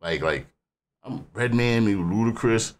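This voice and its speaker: A man hosts a casual music reaction video with a rambling, animated delivery. His voice sits on the low side, and a faint hiss runs under it. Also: unhurried.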